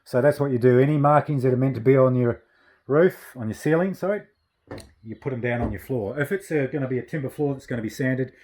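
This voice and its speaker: A man's voice: medium pitch, fast, darkish tone, a little hiss or hum. Matter-of-fact New builder, a man. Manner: methodical, step-by-step, matter-of-fact. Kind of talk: casual practical explanation.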